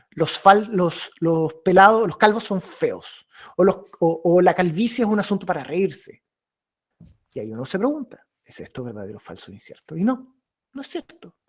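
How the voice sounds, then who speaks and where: A young man guides a reading group through a philosophy lesson in a loose, unscripted way. He often stops and restarts his sentences while he thinks. He slips into mocking voices whenever he quotes someone. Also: sits high. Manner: acts out inner voices and quoted remarks in lively mock tones; thinks aloud with frequent restarts and hesitations. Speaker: discussion leader. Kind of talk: informal philosophy talk to a reading club.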